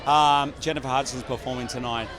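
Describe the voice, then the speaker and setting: A man's voice: medium pitch, fairly even intonation, fairly quick. A man in casual red carpet interview chat. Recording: busy outdoor crowd noise.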